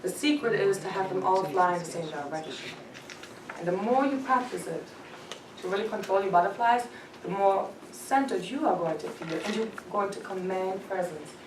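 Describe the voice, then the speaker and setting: Animated woman coaching, distant roomy mic. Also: medium pitch, moderate pace. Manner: emphatic, animated, laughs often. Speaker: etiquette and presence coach. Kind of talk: workshop talk to a small group. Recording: roomy and distant with background noise.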